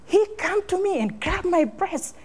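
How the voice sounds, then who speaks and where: High-voiced woman recounting an ordeal. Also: big pitch swings, darkish tone. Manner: halting, repeats phrases, non-native English grammar. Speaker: interviewee. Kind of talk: emotional personal account in an interview.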